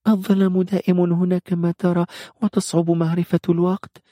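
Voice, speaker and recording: A woman voicing a gentle female spirit with a soft, anxious way of speaking. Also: fairly low pitch, little pitch movement, brisk, no room sound, clean studio sound, lightly acted. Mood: calm. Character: gentle glowing female spirit, weakened but caring.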